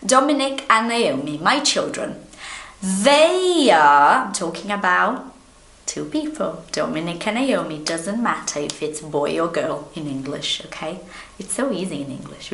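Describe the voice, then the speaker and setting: Slow, patient Brazilian woman teaching English. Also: lowish voice, a bit bright. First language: Portuguese. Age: 30s. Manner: slow, patient and encouraging, speaking straight to the viewer. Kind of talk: online English lesson. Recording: echoey room.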